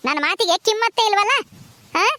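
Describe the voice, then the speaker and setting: A woman playing a drunk, bossy village mother-in-law who shouts and taunts in a comedy skit. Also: very high-pitched, fast, no echo. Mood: ranting. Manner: shouting, taunting, slurred bluster.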